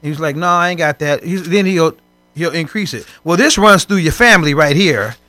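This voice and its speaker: High, bright-voiced preaching man. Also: fairly quick, no echo, soft background music. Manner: animated, acts out voices in scripture stories. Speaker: co-host of a faith broadcast. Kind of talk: preaching conversation.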